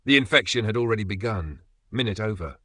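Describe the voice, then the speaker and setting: A man reading a horror story aloud in measured, scripted narration, slowing down on grim moments. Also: lowish voice, lively intonation, pushed and bright, no echo.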